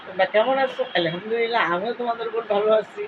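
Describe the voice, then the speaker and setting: A woman's voice: on the high side, very fast, narrow, tinny audio, background noise. A woman with a Cumilla Bengali accent, talking casually to her followers and reminiscing at length, with many fillers. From Cumilla, Bangladesh. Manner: rambling, nostalgic storytelling with fillers. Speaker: vlogger.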